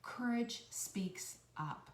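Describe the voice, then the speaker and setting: A woman giving an earnest, encouraging motivational talk, repeating her key phrases with a preachy cadence and swinging from bright, high bursts down to soft near-whispers. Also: lively intonation, extremely slow. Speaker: host of a cooking and life-tips channel. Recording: roomy echo, a bit far from the mic.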